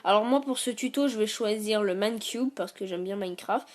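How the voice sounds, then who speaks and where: A woman's voice: mid-range voice, a little fast. A woman hosting a casual tutorial, talking viewers through steps with many hesitations and filler sounds. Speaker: YouTube tutorial host. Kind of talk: casual screen-recorded tutorial.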